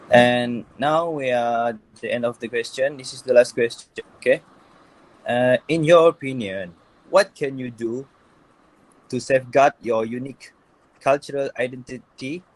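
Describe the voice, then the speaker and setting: A man's voice: medium pitch, poor audio. A young man with a Malaysian accent interviewing a classmate, hesitant and full of fillers. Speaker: student interviewer. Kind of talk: casual student interview.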